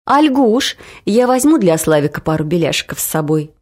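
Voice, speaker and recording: A woman voicing a tart, meddling middle-aged aunt with a snide, sharp way of talking. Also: big pitch swings, moderate pace. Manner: sharp, snide, raised pitch.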